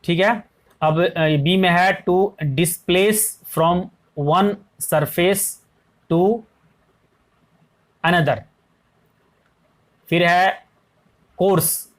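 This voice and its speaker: A male teacher giving an exam-prep lesson, explaining in Hindi and reading the phrases slowly. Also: fairly high pitch, fairly bright tone. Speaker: English teacher.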